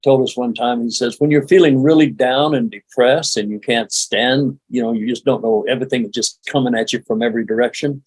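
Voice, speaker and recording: An older man, a meditation teacher, giving a relaxed, folksy spoken lesson with frequent chuckles. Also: medium pitch, brisk, hardly any pauses, husky, dry recording, poor audio. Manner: chuckling, folksy, demonstrates laughing exercises.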